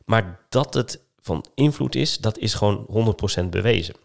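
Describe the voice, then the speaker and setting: A man's voice: on the low side, animated, normal speed, creaky. A man with a Dutch accent from the Netherlands talking in an explanatory way in a casual podcast discussion, often adding tag words to seek agreement.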